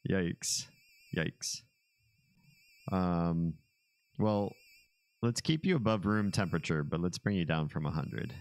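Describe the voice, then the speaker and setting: A man's voice: low-pitched, lively intonation, normal speed, a little mellow. A man giving casual gameplay commentary with wry, joking asides. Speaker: gamer playing and commenting.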